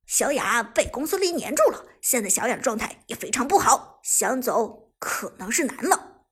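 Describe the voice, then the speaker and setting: Give me an excitable young male esports commentator read by a woman, rattling off calls in a rushed, breathy near-whisper. His voice sits high and airy. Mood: tense.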